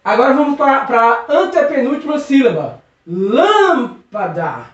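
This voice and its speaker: A man teaching a recorded video lesson, patiently drawing out syllables and checking in with "okay?" again and again. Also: very high voice. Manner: patient, drawn-out stressing of syllables, constant check-ins. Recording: echoey room, distant muffled mic.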